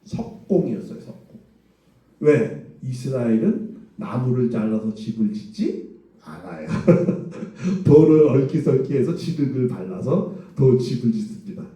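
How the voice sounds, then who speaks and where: A man, a pastor, preaching a sermon in a lively storytelling way, asking rhetorical questions and chuckling. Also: medium pitch, measured pace. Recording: echoey room from far off.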